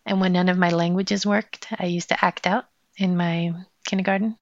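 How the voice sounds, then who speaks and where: A woman's voice: on the low side, level tone, moderate pace, slight background noise. A woman in her forties from Afghanistan, a poet, telling her story in a reflective interview. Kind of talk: personal interview. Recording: dry, slightly dull sound.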